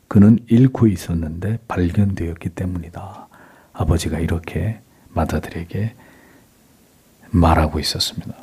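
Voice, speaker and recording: A middle-aged male pastor preaching a sermon, acting out a father's words in a soft, tender voice and then rising to lively emphasis. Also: low voice, husky.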